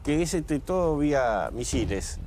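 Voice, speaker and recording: A man's voice: fairly high pitch, very animated, measured pace, a little mellow, faint music behind. A man musing aloud and asking questions on a TV news panel. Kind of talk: live studio panel discussion.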